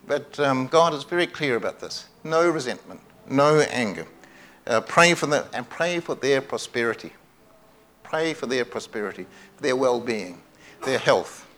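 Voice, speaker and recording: A male pastor delivers a sermon into a microphone in an earnest, conversational way. His voice sits at an ordinary middle pitch, and he often repeats key phrases for emphasis. He restarts his sentences now and then. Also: a bit bright.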